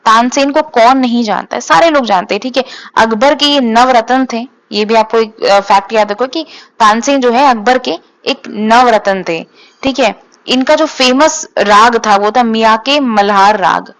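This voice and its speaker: Woman teaching in a quick explaining voice. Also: on the high side, a bit bright. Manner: explanatory, repeats key facts, frequent "thik hai" check-ins. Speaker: exam coaching teacher. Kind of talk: explaining lecture in Hinglish.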